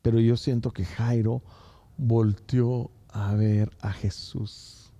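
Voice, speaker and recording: Male pastor, slow sermon delivery, very dark tone, shifts from loud to hushed. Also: medium pitch, level tone, dry recording. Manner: swings from loud preaching to hushed near-whispers; addresses listeners directly as brothers.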